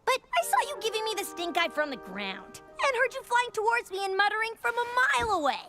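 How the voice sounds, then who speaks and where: A woman's voice: extremely high pitch, very animated, fast, bright, forceful tone, heavily acted. A woman voicing a brash, sporty young female pegasus in a cartoon, cocky and sarcastic, with music behind.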